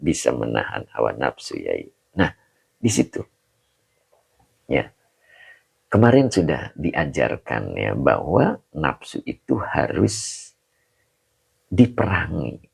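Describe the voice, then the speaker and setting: A man's voice: a bass voice, huge pitch swings, takes it slowly, creaky, pauses often, a little mellow, breathy edge. A man gives a casual livestream sermon, greeting viewers by name and asking rhetorical questions. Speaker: Islamic preacher reading viewer comments.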